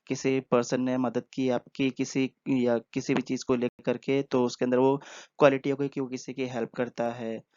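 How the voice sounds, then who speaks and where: A man who is teaching vocabulary in a casual, unhurried way, pausing often and using fillers as he explains. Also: medium pitch, darkish tone, no echo. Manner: explains slowly with many pauses and fillers. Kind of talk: casual spoken vocabulary lesson. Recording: dull, dry, lo-fi voice-over.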